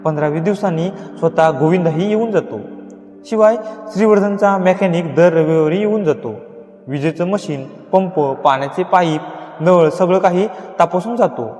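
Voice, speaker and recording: A man's voice: high-pitched, moderate pace, a little mellow, lightly acted. A man voicing an older village housekeeper woman, devoted and anxious, speaking in a pleading, rustic way. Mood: matter-of-fact. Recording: echoey reverberant room, faint music.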